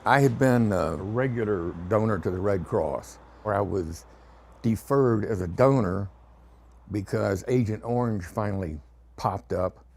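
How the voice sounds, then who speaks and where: A man's voice: lowish voice, unhurried, creaky, a little mellow. A man in his seventies, a retired TV host, reminiscing in an interview. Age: 70s.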